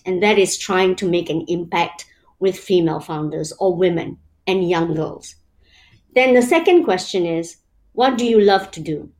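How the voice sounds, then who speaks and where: Lowish and a touch mellow, the voice belongs to a woman from Malaysia appearing as an interview guest. She muses aloud, breaking her ideas into numbered points, with plenty of "you know" along the way.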